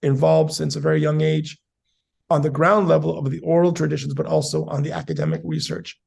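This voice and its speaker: A man in his forties from South San Diego, a capoeira master answering interview questions in a measured, academic way with many fillers. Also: on the high side, animated, vocal fry, darkish tone, breathy edge. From South San Diego, USA. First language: Spanish and English.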